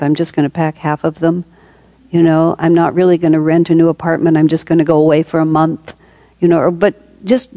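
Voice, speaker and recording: A woman's voice: low voice, dark tone, no room sound. A woman giving a reflective, conversational spiritual talk to a group, taking questions as she goes. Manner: reflective and conversational, with light laughs. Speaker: spiritual teacher.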